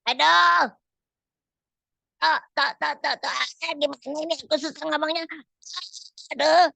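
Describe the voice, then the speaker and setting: A woman's voice: fairly high pitch, unhurried, pushed and bright, dry recording, heavily acted. A woman voicing a lazy, teasing boy in a storytelling session for children, cheeky and whiny. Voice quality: gravelly. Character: naughty, lazy boy who teases others.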